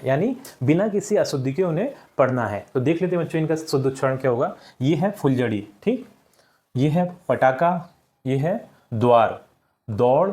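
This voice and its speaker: A man's voice: a little high, darkish tone. A male teacher patiently walking children through worksheet answers, often repeating words and checking in with "ठीक".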